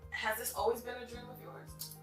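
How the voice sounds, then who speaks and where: A woman's voice: fairly high pitch, flat delivery, normal speed. A woman hosting a casual interview in a hair salon, upbeat and slangy as she hypes up her guest. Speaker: interview host. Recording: echoey room, mic at a distance, music behind.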